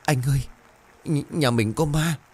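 A man's voice: on the high side, a little slow, darkish tone, husky, voice pushed up. A man voicing a terrified young mother who pleads and stammers in fear. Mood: panicked. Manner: frantic, stammering pleas.

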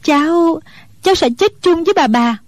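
A woman's voice: high-pitched, animated, normal speed, no echo. A woman voicing a frightened young girl who stammers in an audiobook. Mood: anxious. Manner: anxious, stammering.

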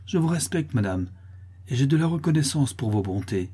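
A man's voice: mid-range voice, animated, normal speed, mellow, slightly rough, voice pushed up. A man reading the part of a vengeful widowed milkmaid, harsh and accusing.

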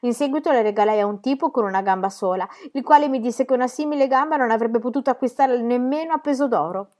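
A woman's voice: a little high, fast, voice pushed up, natural voice. Pippi, as a woman reader puts her on. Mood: bold, cheery. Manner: lively, exclamatory, raised voice. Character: bold cheerful girl, boastful tall-tale teller.

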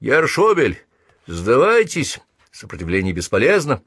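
A man's voice: mid-range voice, animated, measured pace, slightly rough, dry recording, clean studio sound, voice pushed up. A man playing a stern police sergeant barking orders. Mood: commanding. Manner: barked commands.

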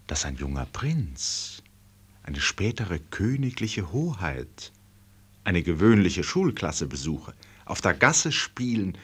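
An actor as the urbane narrator of a radio play, telling the story in a measured, ironic way. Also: male voice, low voice, fairly bright tone, breathy edge, full character voice. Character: wry, urbane male storyteller.

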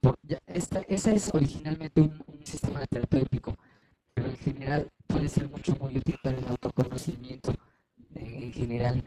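A man's voice: mid-range voice, brisk. Mexican guy on a choppy cutting-out voice chat, hisses a lot, stops and repeats himself. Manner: hesitant, repeats words as he speaks. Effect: choppy, breaking-up voice chat connection. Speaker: meeting participant, activist. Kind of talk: casual online group voice chat. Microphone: online voice chat. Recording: noisy, choppy internet voice line.

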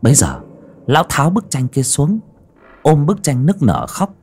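A man narrating a horror audiobook in a dramatic, expressive way. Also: fairly high pitch, moderate pace, husky. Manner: expressive, rising and falling with the drama.

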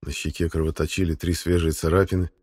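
Audiobook narrator, male, deep and steady, measured delivery. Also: breathy edge. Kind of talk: scripted narration.

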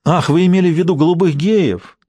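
A man's voice: on the high side, a little fast, mellow, slightly rough, dry recording, pitched above the performer's own voice. A man reading the part of a prim, conventional middle-aged wife with a tutting manner.

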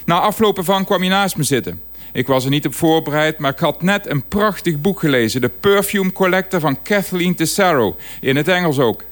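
Man, radio columnist, fairly high voice, dry ironic delivery, read from a script. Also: lively intonation, a little fast. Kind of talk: reading a written column.

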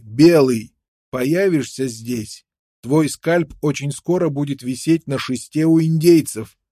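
A man's voice: medium pitch, mellow, no echo, clean studio sound, close to an everyday voice. A man voicing a menacing, contemptuous young frontiersman with a knife, snarling threats in an audiobook.

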